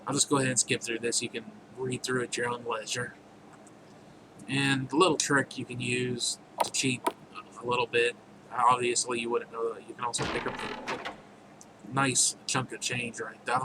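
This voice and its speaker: A man's voice: mid-range voice, flat delivery, normal speed. A man casually walking through his own game, rambling with jokey asides, over a noisy recording. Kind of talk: casual gameplay commentary.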